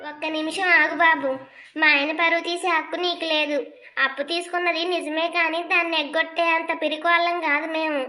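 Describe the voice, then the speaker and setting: A woman's voice: very high voice, little pitch movement, a little fast, sharp tone. A woman voicing a devoted middle-aged wife who firmly defends her husband's honour. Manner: firm, protective of husband's honour.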